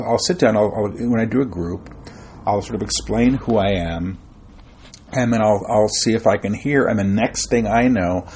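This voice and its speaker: This is a middle-aged man, guest in a conversational interview, talking about his spiritual work as a channeler and author. His lowish voice is creaky and a little mellow, and he rambles with frequent fillers and restarts while calling himself shy and reserved. There's slight background noise.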